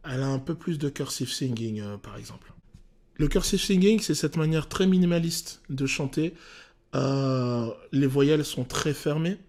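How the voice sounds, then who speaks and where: A male vocal coach talks through a song's technique in detail, often pausing on "euh". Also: mid-range voice. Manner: technical and animated, many "euh" pauses. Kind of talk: explanatory song analysis.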